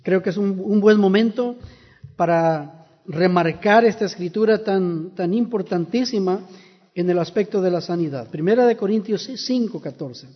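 A man's voice: high voice, normal speed, long reverb tail, lo-fi sound. A man preaching a sermon as minister, earnest, repeating key phrases and verses, often restarting his sentences.

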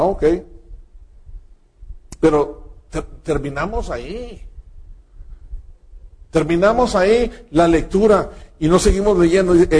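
Male preacher, higher-pitched, husky, unhurried, emphatic sermon delivery. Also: a little mellow. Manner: slow, emphatic preaching with sudden pitch jumps.

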